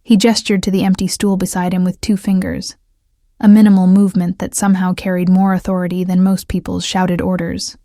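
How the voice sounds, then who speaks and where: Flat, mellow female story narrator. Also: lowish voice, a little fast, no echo, studio quality. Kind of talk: scripted first-person romance narration.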